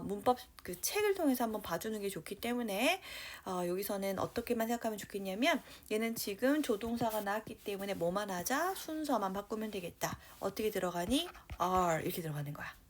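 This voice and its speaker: In her online grammar class for high schoolers, a teacher keeps things lively and keeps asking whether students are with her. She slowly reads each English sentence aloud while writing it down.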